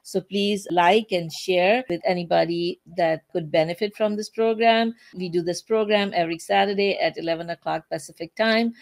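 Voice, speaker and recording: A woman's voice: fairly low pitch, normal speed, hardly any pauses. Woman hosting a weekly online talk. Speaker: host.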